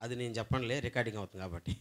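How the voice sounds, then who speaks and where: A man preaching a sermon to a congregation. He asks rhetorical questions, tells stories, and urges his listeners to call back loudly. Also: medium pitch, very fast. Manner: call-and-response, urging the congregation to shout back. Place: church hall before a congregation.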